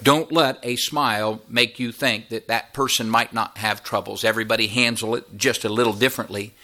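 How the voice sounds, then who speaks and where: A man in his fifties preaching a sermon as a pastor, with his voice sweeping up and dropping low. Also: fairly even intonation, a little fast, pushed and bright. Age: 50s. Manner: preaching with sweeping rises and drops in voice.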